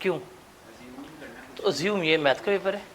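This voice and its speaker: A man's voice: sits high, normal speed, a bit bright, slight background noise. A male teacher, teasing and coaxing his students to come up to the board during a classroom lecture.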